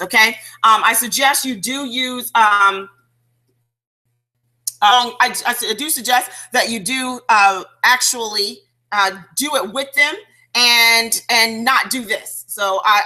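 A woman leading a sales training call, chatty and animated, telling stories with restarts and fillers. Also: on the high side, low-quality recording. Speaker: network marketing trainer.

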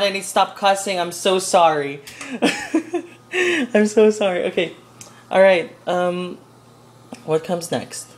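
This cooking vlogger is a young woman with a low-sitting voice who chats casually while cooking in her home kitchen. Her talk is rambling and giggly, with slight background noise in the clip.

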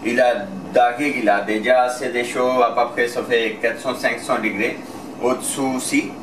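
A restaurant owner explaining his cooking in polite, halting French with grammar slips. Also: mid-range voice, fairly even intonation. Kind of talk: casual explanation. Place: outdoor terrace, then a tiled kitchen. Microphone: camera mic a few feet away. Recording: roomy sound with clear background noise.

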